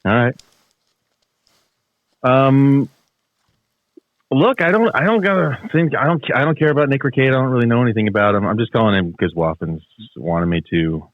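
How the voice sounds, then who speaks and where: A man's voice: medium pitch, moderate pace, long pauses, no echo. A man calling in to chat casually over a narrow call connection. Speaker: caller. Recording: tinny phone-like call line.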